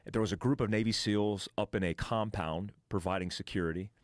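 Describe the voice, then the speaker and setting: A man recounts combat as a podcast guest in a blunt, profane, casual way, stumbling into restarts and mimicking gunfire with his voice. His voice sits a little low. The sound is close and dry, with no room around it. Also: steady tone, a little fast, no room sound. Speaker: podcast guest, military veteran. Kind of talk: casual storytelling.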